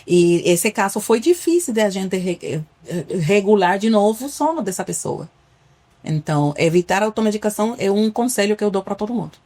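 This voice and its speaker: On a podcast, an earnest Cuban woman who works as a family doctor talks in a Cuban Spanish accent. Her medium-pitched voice is animated, brisk, and mellow, and she patiently lays out examples, sometimes starting over.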